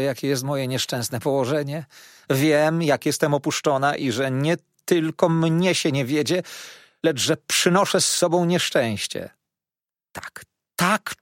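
A man's voice: a little high, dry recording, clean studio sound, voice pushed up. A man voicing a whiny, self-pitying older widow who complains through tears in a plaintive, sobbing manner.

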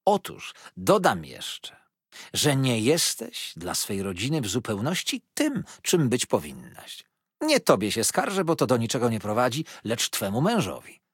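Man putting on an insistent old matron, high and sing-song, husky, dry sound. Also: huge pitch swings, measured pace, dry recording, exaggerated voice. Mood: gushing. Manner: gushing, shrill, insistent. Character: pushy talkative old mother-in-law.

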